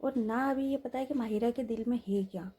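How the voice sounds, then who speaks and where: A young woman tells a story in a relaxed, chatty manner, often checking in with her listeners. Her voice sits fairly high but sounds very mellow and husky. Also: fairly quick. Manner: chatty, talks to listeners with asides. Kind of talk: casual story narration.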